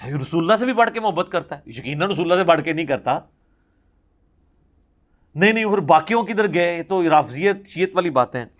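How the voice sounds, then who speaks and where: A male preacher delivers a passionate religious lecture. His voice sits somewhat high for a man, and he stresses his points through forceful repetition. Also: animated. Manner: impassioned, recounts hadith with emphatic repetition. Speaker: religious speaker.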